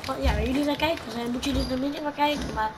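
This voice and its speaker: A woman giving chatty, excitable gaming commentary, dropping English phrases and swearing as she plays. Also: high voice, quick pace, noisy background. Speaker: gaming YouTuber. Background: game music.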